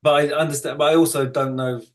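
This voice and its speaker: An interview guest from the UK, a middle-aged energy practitioner and massage therapist, talks fast in a slightly high, level voice. His casual explanations are matter-of-fact and self-deprecating.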